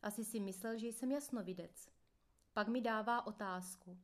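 A woman narrating a first-person memoir in a steady, earnest manner. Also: mid-range voice. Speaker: audiobook narrator.

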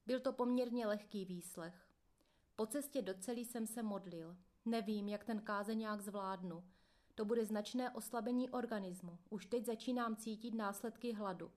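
Woman, audiobook narrator, first-person memoir, steady, earnest. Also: mid-range voice.

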